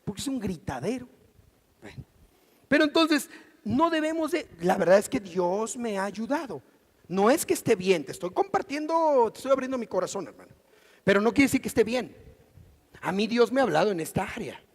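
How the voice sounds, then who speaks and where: A middle-aged man with a Mexican Spanish accent preaching a sermon as pastor, animated and acting out the voices he quotes. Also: sits high, a little fast. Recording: church hall reverb.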